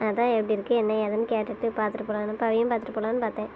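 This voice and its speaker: A woman's voice: mid-range voice, little pitch movement, very fast, a little hiss or hum. A woman chatting on a family phone call as a younger sister, explaining plans and answering her brother back. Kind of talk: casual family phone chat.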